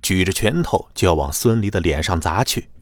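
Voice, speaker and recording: A man narrating a web novel audiobook in a lively, dramatic storytelling manner. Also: sits low, a little fast, no echo.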